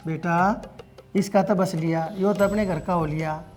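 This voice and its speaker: A man's voice: high voice, steady tone, a little slow, a little mellow, faint music behind. A man playing a worried old village father with a Haryanvi accent, fretful and exhorting, in a family drama. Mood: insistent pleading. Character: worried, pleading old village father urging his son. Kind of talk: web serial family drama acting.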